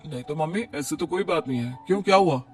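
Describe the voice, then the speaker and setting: A man's voice: fairly high pitch, animated, fast talker, darkish tone, soft background music, close to an everyday voice. A man voicing a tired, sulky young husband in a cartoon story, pleading and hurt.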